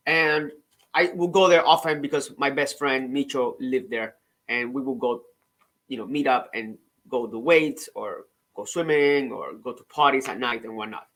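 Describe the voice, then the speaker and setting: With a mid-range, somewhat bright voice, this middle-aged man from Cuba recounts his story on the channel he hosts. He's an author, and his delivery is chatty and halting, full of restarts and "right?" tags.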